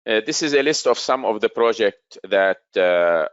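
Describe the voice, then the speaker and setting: Deep-voiced man presenting a webinar. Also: expressive, moderate pace, clear, resonant tone, no room sound, muffled recording.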